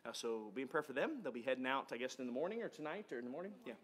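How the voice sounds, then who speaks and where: A man's voice: mid-range voice, lively intonation, racing, fairly bright tone. A man, a pastor chatting casually with his congregation and laughing often. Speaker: pastor leading praise time. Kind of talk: casual church talk with congregation.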